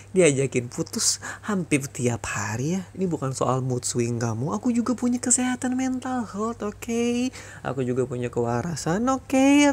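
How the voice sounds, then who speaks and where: A man's voice: fairly high pitch, a little mellow, breathy edge. A young man voicing a bitter boyfriend in an ASMR boyfriend role-play, scolding his toxic ex over and over in a heated voice. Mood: reproachful. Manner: heated, reproachful, repetitive scolding.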